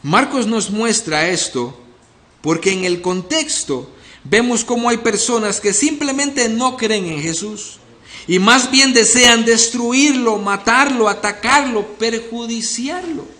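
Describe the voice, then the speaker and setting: A man's voice: very high voice, animated, slow pace, sharp tone, echoey room. A male pastor preaching an expository sermon, earnestly questioning the congregation. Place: church.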